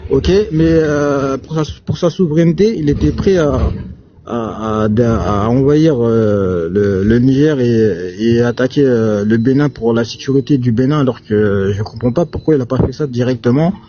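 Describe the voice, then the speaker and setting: A man joining a debate from traffic, halting and repeating words. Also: mid-range voice. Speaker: debate participant. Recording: dull lo-fi line with traffic noise.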